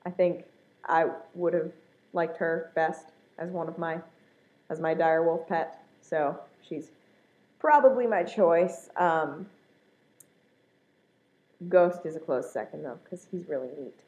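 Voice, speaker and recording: A woman speaks in a slightly low register, in a casual, chatty style. She is hesitant and thinks aloud as she answers questions. The sound is dull and lo-fi, like a simple home recording. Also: a little mellow.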